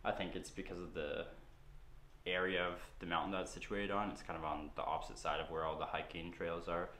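A young man from Canada, vlogging with relaxed, rambling talk in a small wooden cabin and narrating over footage. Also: deep voice, a little fast, a little hiss or hum. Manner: relaxed, rambling, thinking aloud. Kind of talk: casual vlog talk and scripted voice-over narration.

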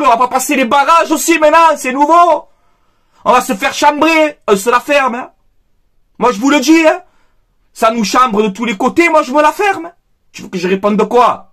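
Angry man, very high voice, emphatic football fan ranting to camera. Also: sharp tone. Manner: heated, emphatic, repeats phrases, addresses viewers as "les gars". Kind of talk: angry post-match debrief monologue.

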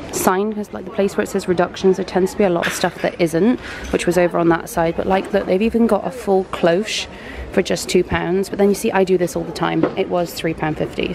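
A young British woman chatting casually about bargains while filming herself shopping in a large store. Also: medium pitch. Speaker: home shopping vlogger. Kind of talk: casual shop-with-me narration. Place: large indoor homeware store. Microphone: handheld camera. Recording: noisy store ambience.

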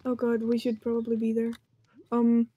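A woman chatting casually over a game with playful role-play, halting and repeating her words. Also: on the high side, monotone, mellow.

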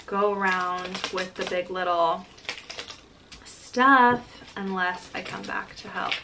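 A woman's voice: mid-range voice, steady tone, slow. Bubbly young sorority-girl vlogger, noisy recording. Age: early 20s. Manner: frequent filler "like". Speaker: college vlogger. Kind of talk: casual chatty vlog. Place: parked car and small bedroom. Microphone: camera at about arm's length.

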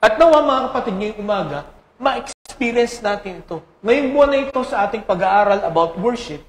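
A man's voice: high-pitched, animated, brisk, slight background noise. A male pastor preaching a sermon and praying, often breaking in with tag questions and hesitant fillers. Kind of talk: sermon with prayer and scripture reading. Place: church sanctuary. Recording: roomy church sanctuary echo.

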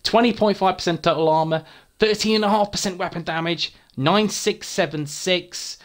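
A young man, a gaming channel host, eagerly walking through his game character's gear with casual swearing and frequent stumbles over words. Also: on the high side. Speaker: gaming YouTuber. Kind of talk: game build walkthrough.

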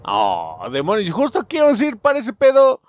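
A man's voice: high voice, a little fast. A young man with a Mexican accent giving let's play commentary, yelping and swearing at every scare. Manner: excitable, yelps and swears at scares. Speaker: gameplay streamer.

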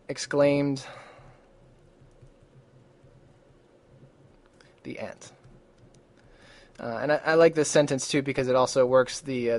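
Chatty male tutor, mid-pitched voice. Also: no echo. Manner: relaxed and chatty, with many fillers and restarts. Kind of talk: casual vocabulary lesson.

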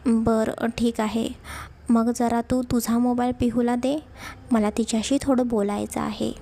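A woman's voice: fairly high pitch, flat delivery, unhurried, creaky, warm tone. Woman reading a fretful middle-aged mother. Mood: worried. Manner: pleading, scolding.

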